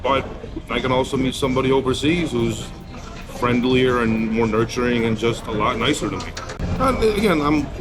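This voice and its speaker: A man from Poland speaking frankly in a casual outdoor street interview, his voice sitting at an ordinary middle pitch. He states his views bluntly and without much hedging, while clear music plays in the background. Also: lively intonation, normal speed. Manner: blunt, candid opinions. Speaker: interviewee, business owner.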